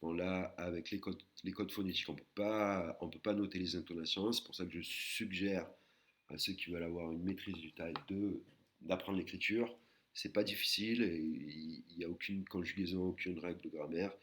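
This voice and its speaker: A man teaching a recorded language lesson, patiently explaining and sounding out words slowly, syllable by syllable. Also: low voice, fairly even intonation, fairly bright tone. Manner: slow, careful, syllable-by-syllable pronunciation of Thai words.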